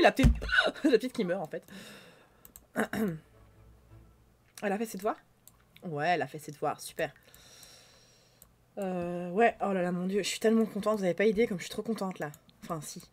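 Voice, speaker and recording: A woman giving gushing, excitable commentary to her viewers as she plays a life-sim game. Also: medium pitch, normal speed, pauses often. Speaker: gaming YouTuber. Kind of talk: casual Let's Play commentary.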